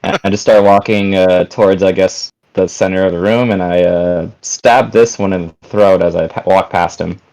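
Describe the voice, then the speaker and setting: Male tabletop player, very low voice, casual, halting, online chat mic. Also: steady tone, darkish tone, rough recording. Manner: casual, hesitant with many fillers. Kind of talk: describing a character's actions in a tabletop game.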